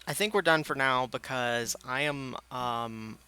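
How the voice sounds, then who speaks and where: A man's voice: medium pitch, a little slow, sharp tone, smooth. A tired man chatting casually with his viewers during a live game stream, rambling and poking fun at himself. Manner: chatty, rambling, self-mocking, talks to chat.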